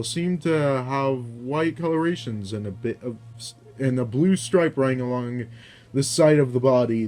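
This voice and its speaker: A young man narrating his own fan fiction aloud, in a steady storytelling manner with small slips and restarts. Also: medium pitch.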